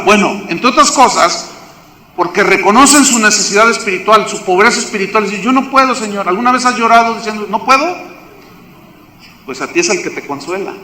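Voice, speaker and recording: A man with a Mexican Spanish accent, preaching a sermon as pastor, firing rhetorical questions and swinging from loud to hushed. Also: high voice. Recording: echoey hall with long reverb.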